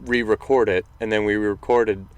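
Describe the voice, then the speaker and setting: Low-voiced laid-back young man chatting. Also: normal speed, smooth. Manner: relaxed, joking, swears casually. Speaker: podcast co-host. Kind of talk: casual chat.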